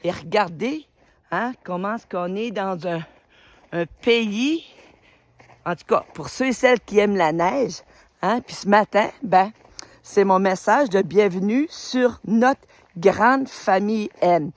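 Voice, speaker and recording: A retired teacher in her fifties from New Brunswick, Canada, welcomes followers to her spiritual group, recording on her phone outdoors on a winter road. Her mid-range voice moves slowly on a dry recording, and her manner is warm, enthusiastic and rambling, with lots of fillers.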